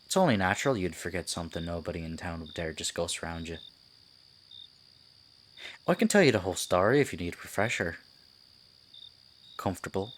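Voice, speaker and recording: A low-voiced, sinister piper acted out by a man in an ASMR fantasy roleplay. He is silky and condescending, coaxing his prey like a theatrical storyteller with lively swings of pitch. Night insects chirp faintly behind him. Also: a little fast, long pauses, slight background noise. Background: crickets, night forest ambience.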